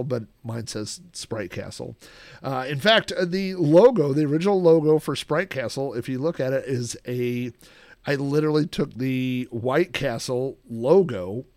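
A man's voice: medium pitch, dry recording. A middle-aged man telling a casual, rambling story as a podcast host, with lots of ums and restarts. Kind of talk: casual solo chat.

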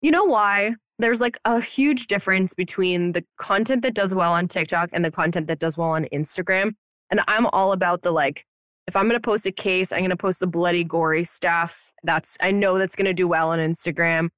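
Speaking at normal speed in a lowish, slightly bright voice, a thirtysomething Romanian dental hygienist and practice owner keeps things casual and playful on a podcast, full of slang and "like." She's in her office upstairs at the practice, and the sound is clean studio with no room tone.

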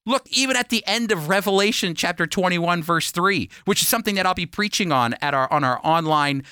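This radio preacher and Bible teacher has a voice that sits high, expressive and brisk, with a sharp yet clean tone and clean studio sound free of room noise. He preaches a sermon and reads scripture, hammering and repeating key phrases and throwing out rhetorical questions.

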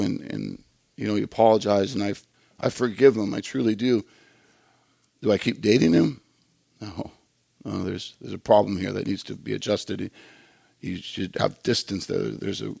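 A man's voice: medium pitch, vocal fry, dry recording. A man preaching a sermon in an earnest, conversational way, often repeating words as he goes. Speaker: pastor.

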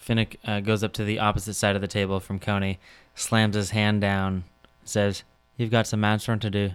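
A man's voice: on the low side, little pitch movement, a little fast, clear, resonant tone. A man playing a tabletop role-play game, laid-back and joking. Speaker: player.

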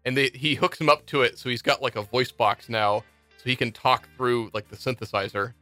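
A man's voice: mid-range voice, steady tone, a little fast, pushed and bright, dry recording, faint music behind. A man on a podcast giving a rambling, casual recap of a film's plot, with many "like"s. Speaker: podcast co-host. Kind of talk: casual chat.

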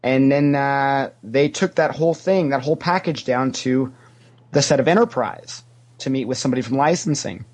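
A former theme park character actor, appearing as a podcast guest, gives casual, anecdotal answers. He's a talkative storyteller who acts out what people said, speaking at a normal pace in a mid-range voice.

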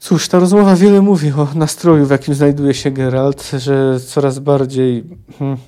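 Male podcast host, mellow, reads and muses haltingly over a book. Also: medium pitch, steady tone. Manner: halting, many fillers and self-corrections. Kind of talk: book summary with read-aloud passages.

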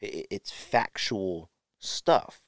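Speaking very slowly in a deep, expressive voice, a man hosts a podcast of opinionated commentary. He sniffles from a runny nose and repeats phrases for emphasis, captured close on a podcast mic with clean studio sound and no echo.

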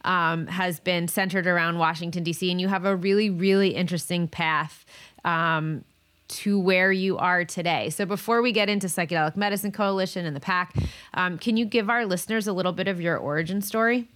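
A woman's voice: lowish voice, steady tone, brisk, fairly bright tone. Woman host with a friendly, casual opener. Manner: friendly, conversational, with ums. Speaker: podcast host. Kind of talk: casual interview opening.

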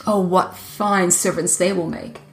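A woman voicing a proud, sly male dragon in a storybook reading, speaking in a smooth, boastful way. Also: lowish voice, steady tone, unhurried, soft background music. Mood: smug.

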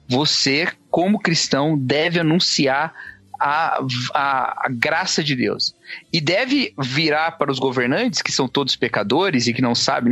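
A man's voice: a little high, pushed and bright, breathy edge, dry recording. A man, speaking as a pastor in a podcast discussion, earnest and emphatic.

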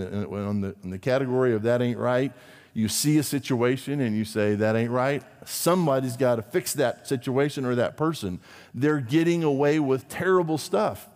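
Male pastor preaching to his congregation in a church with a long echo, emphatic one moment, quiet and low the next. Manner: preacherly, rising to emphatic peaks then dropping low and quiet. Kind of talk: sermon. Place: church sanctuary.

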